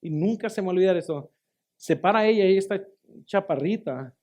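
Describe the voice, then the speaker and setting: A man's voice: sits high, expressive, brisk, mellow. A man, a pastor giving his testimony in a sermon, telling it emphatically and repeating phrases for stress. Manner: emphatic storytelling, addresses listeners as brothers.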